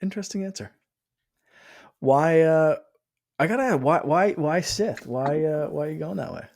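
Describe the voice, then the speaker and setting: A man's voice: on the high side, expressive, normal speed, creaky, darkish tone. A man hosting a podcast, chatting casually and laughing often. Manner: chatty, laughs often, acts out quoted voices. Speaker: podcast host. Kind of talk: casual chat.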